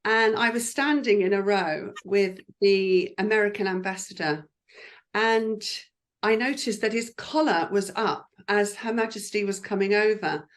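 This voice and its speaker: A woman talks about her work as a lip speaker. She is upbeat and encouraging, and she scatters "um" and "you know" through her speech. Her pitch sits at an ordinary middle level for a woman. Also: unhurried. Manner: chatty and encouraging, with frequent fillers. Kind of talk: careers advice interview.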